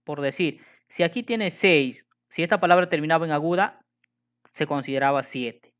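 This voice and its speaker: A man teaches a lesson, his voice sitting a little high and sounding smooth and clear. He repeats each rule, counts syllables out one by one and keeps checking that his students follow. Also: a bit bright. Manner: patient, repeats and counts syllables slowly, asks "¿de acuerdo?". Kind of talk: classroom lesson on poetry.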